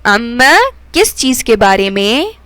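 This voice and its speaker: A woman teaching Quran recitation rules, explaining quickly and then reciting verses slowly and drawn out. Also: a little high, clear, resonant tone, dry recording. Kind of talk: tajweed lesson with recitation.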